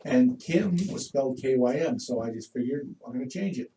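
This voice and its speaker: A man's voice: mid-range voice, lively intonation, fairly quick, dark tone, roomy sound, recorded from a distance, a little hiss or hum, poor audio. A man on a comedy podcast, cracking dry jokes and telling tall stories. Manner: dry, wisecracking storyteller. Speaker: podcast guest. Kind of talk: casual comedy chat.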